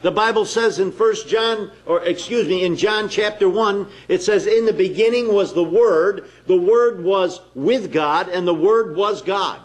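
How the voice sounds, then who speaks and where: Guy with a high voice giving a sermon, slow and emphatic, lots of pauses. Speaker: preacher.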